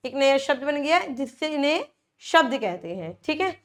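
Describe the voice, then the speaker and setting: A woman teacher giving a grammar lesson to young children, repeating each word slowly and checking in often. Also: sits high, sing-song. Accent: Hindi. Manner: frequent checks with "ठीक है".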